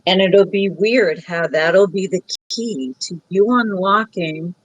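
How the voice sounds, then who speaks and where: Woman, psychic host, low pitch, frank and emphatic, dry close sound. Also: slow, dry recording, low-quality recording. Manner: frank, gently scolding, emphatic. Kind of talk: casual live call-in reading. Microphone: phone app recording.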